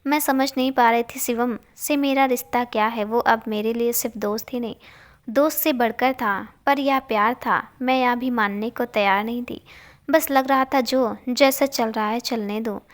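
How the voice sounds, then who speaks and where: Soft-spoken woman telling a love story. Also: fairly high pitch, steady tone, normal speed. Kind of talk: first-person story narration.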